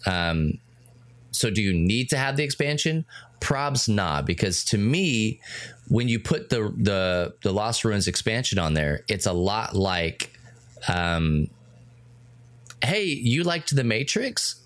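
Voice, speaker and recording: A man co-hosts a laid-back chat in a slightly low voice. He rambles, restarts and ribs his partner. The sound is dry and close. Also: animated, slow pace, no echo. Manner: rambling, self-correcting, playful banter. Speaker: co-host. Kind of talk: casual chat.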